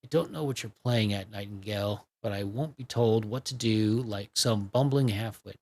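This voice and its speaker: A man voicing a gruff, pompous older man who talks bluntly and dismissively. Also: lowish voice, moderate pace. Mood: curt hostile.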